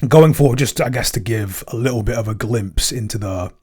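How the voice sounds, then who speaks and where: One of a podcast's creators answers questions in a casual, unscripted behind-the-scenes chat, hesitating and often rephrasing mid-sentence. His mid-range voice is fairly quick, darkish and slightly rough.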